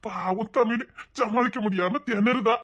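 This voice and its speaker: A woman voicing a gentle, gullible husband in a comedy skit, speaking with a Tirunelveli Tamil accent in a hesitant, worried way. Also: on the high side, a little slow, muffled recording, voice pushed down. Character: gullible, soft-spoken husband, a grown man.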